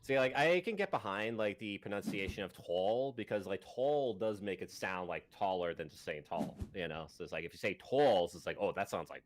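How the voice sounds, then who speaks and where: A man with a general American accent chats easygoingly on a game stream. His voice is very deep, and he laughs often and fills pauses with ums. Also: lively intonation. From United States. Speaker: guest on stream. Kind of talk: casual chat on a game stream.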